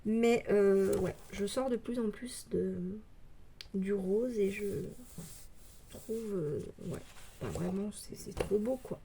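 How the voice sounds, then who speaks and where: A woman with a soft, mellow voice talks through a craft haul in a chatty, meandering way. She hesitates often and fills gaps with small sounds, sometimes slowing down to read phrases aloud. A faint hiss sits under her voice from a phone mic. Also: medium pitch. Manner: chatty, hesitant, many fillers, reads labels aloud slowly. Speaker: scrapbooking vlogger. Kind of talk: casual show-and-tell haul.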